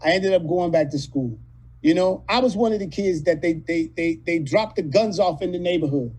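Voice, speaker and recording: A man in his late fifties from California, telling rough, profane stories as a guest in a casual interview. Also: high-pitched, normal speed, darkish tone, low-quality recording. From California, USA. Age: 50s. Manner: profane, rambling, street-talking storyteller. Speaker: actor guest.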